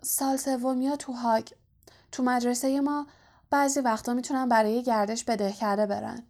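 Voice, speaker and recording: Woman doing a defiant teen boy, cool and guarded, quick soft delivery, storybook reading. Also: on the high side, fairly even intonation, close to an everyday voice. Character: defiant teenage boy, male.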